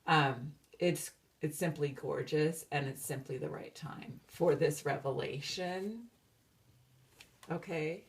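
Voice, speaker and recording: A woman's voice: deep voice, slow. A woman giving a casual, meandering tarot reading, dreamy and full of fillers and restarts. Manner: self-described valley-girl talk. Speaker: tarot reader.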